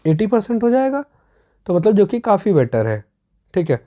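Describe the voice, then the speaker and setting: A teacher giving a step-by-step exam revision lesson. The teacher often pauses to check that students follow. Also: mid-range voice, sing-song, dark tone. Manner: explains step by step with many checks for understanding.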